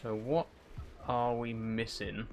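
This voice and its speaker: A man's voice: medium pitch, level tone, slow, a little mellow, faint music behind. A man giving casual live horror game commentary, thinking aloud and puzzling things out with short questions to himself.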